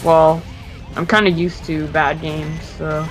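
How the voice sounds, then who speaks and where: A speaker of middle pitch joining over a voice call that sometimes drops, chatting about games in a teasing, mock-dramatic way. Faint game music sits underneath the voice. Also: level tone, slow pace, rough recording. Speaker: co-commentator. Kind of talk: casual gaming chat. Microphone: voice call, connection drops.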